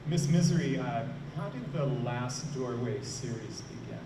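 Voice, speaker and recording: A man's voice: mid-range voice, expressive, measured pace. A man moderating a convention panel, asking guests questions in a conversational way. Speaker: panel interviewer. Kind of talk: conversational interviewing. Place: large room at a convention, panel. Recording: roomy, distant, noisy convention hall recording.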